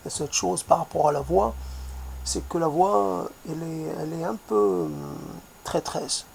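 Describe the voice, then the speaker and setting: A man with a noticeable accent, speaking softly in a reflective monologue, pausing often and searching for his words. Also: a little high, creaky, slight background noise. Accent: foreign accent in French. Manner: hesitant, searching for words, many fillers; soft-spoken.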